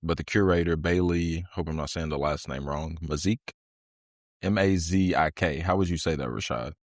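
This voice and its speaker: Low-voiced man telling a story on a podcast. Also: normal speed, no room sound, studio quality. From Louisville, Kentucky area. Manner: relaxed storytelling with frequent fillers. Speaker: podcast co-host. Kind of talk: casual chat.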